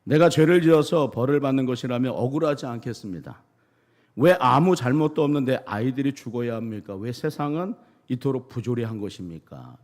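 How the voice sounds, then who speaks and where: Man reading a grieving father's plea, lively rising and falling pitch, middle-range voice. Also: brisk, lightly acted. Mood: anguished. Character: grieving man crying out to God.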